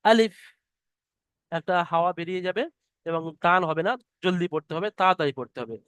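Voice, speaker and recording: A man teaching the Arabic alphabet in an online class, patiently sounding out each letter slowly and explaining how to pronounce it. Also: on the high side, fairly bright tone, clean tone, no echo. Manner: slow, patient, drawn-out letter demonstrations. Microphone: computer mic on a video call.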